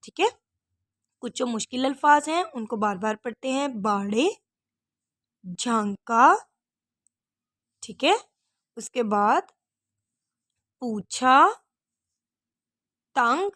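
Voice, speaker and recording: Patient woman teacher, slow and clear, a touch high, dry close sound. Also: lively intonation, fairly bright tone, no echo. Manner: patient, explains and repeats hard words; addresses pupils as "beta". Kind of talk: recorded lesson for children.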